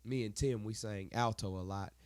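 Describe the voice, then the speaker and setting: A man's voice: lowish voice, steady tone, normal speed, darkish tone, a little hiss or hum. A man, congested and worn from singing, chatting casually as a podcast co-host. He rambles, corrects himself and laughs often. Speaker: podcast co-host, worship leader. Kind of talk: casual chat.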